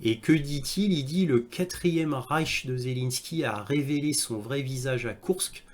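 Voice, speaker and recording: A man commenting on video clips and reading articles aloud, with halting delivery and frequent hesitations. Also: mid-range voice, a little mellow. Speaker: online news commentator.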